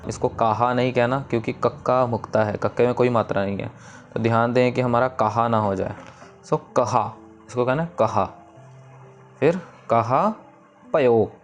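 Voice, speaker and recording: A man giving a pronunciation lesson, explaining each sound and then reciting the lines slowly and drawn out. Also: mid-range voice. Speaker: Gurbani recitation teacher.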